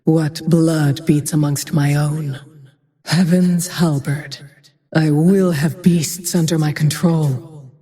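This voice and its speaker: A woman voicing a grim, vengeful, haunted female ranger hero in a fantasy game, with terse, brooding, breathy lines. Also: low-pitched, dark tone, heavily acted. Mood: brooding, resolute. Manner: measured, terse, brooding delivery. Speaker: video game voice actor. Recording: long reverb on the voice.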